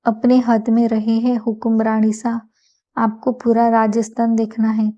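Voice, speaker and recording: Female reader as domineering young royal husband, mellow and even, storybook audio. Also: fairly high pitch, unhurried, highs cut off, natural voice.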